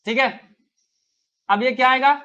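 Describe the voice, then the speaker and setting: A man's voice: very high-pitched, fairly even intonation, unhurried, sharp tone, clean tone, muffled recording. A man teaching a live online maths class, chatty and coaxing, who keeps quizzing his students with rhetorical questions.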